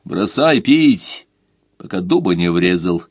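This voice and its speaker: A man's voice: deep voice, sing-song, slow, husky, dry recording, clean studio sound, voice pushed down, exaggerated voice. A man voicing a tough, scornful older man who commands and mocks. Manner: mocking, commanding.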